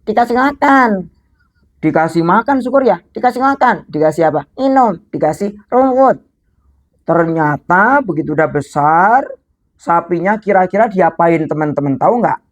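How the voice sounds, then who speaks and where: A woman's voice: on the low side, lively intonation, normal speed. A young woman telling a story to a group of children, asking them questions and making animal sounds.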